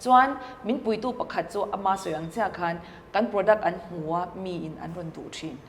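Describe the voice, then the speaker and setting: A woman talking in a relaxed, thoughtful way and mixing in English business terms, recorded in a cafe. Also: mid-range voice, moderate pace, big-room sound, a little hiss or hum. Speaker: entrepreneur guest. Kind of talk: casual conversation.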